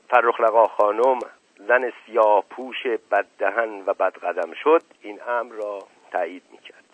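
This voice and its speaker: A man narrating a novel in a measured storytelling manner, in an audiobook reading. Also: medium pitch, dry recording. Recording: narrow phone-like radio recording.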